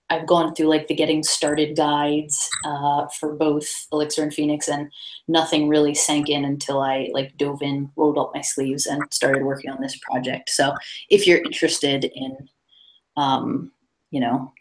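In a low-pitched voice, a woman gives a casual coding talk with slides at a meetup over a video call, speaking loosely with lots of fillers and restarts. The audio is poor, with slight background noise.

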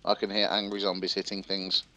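A man's voice: deep voice, completely flat delivery, brisk, sharp tone, dull audio, a little hiss or hum. A man playing a co-op survival game with a friend, giving short matter-of-fact replies. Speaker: co-op game partner. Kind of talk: casual let's-play chat.

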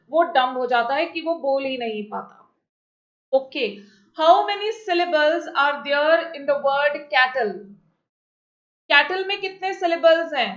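A woman teacher running an exam-prep class, reading questions slowly in English and explaining quickly in Hindi, often repeating herself. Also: sits high. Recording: echoey, dull lo-fi audio.

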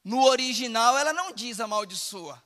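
A man's voice: very high voice, expressive, normal speed, pushed and bright, long reverb tail. A man with a Brazilian Portuguese accent preaching a fervent, emphatic sermon as a pastor.

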